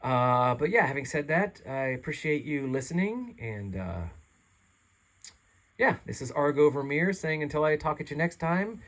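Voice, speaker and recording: A man's voice: on the high side, sing-song, moderate pace, a bit bright. A congested man reading his own essay aloud in an earnest, rambling, self-deprecating way, then signing off casually. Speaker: channel host reading his own article. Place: seated in a chair. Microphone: home microphone, some chair rubbing.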